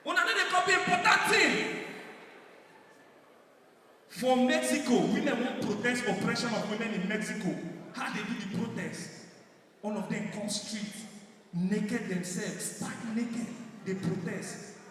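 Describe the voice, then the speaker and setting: A man's voice: high-pitched, unhurried. A male comedian with a Nigerian accent, doing stand-up in Nigerian Pidgin for a live audience. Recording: echoey hall PA, distant, slight noise.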